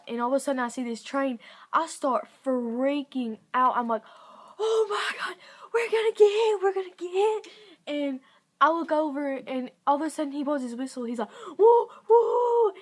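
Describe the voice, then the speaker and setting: A young woman telling a story to camera in a casual vlog, chatty and giggly, full of "like" fillers. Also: fairly high pitch. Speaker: vlogger.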